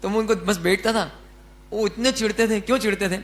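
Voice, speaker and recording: A man's voice: high-pitched, brisk, a bit bright. A man giving a Jain religious discourse, talking conversationally, asking his listeners questions and answering them himself. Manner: conversational, acts out everyday quotes. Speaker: spiritual teacher.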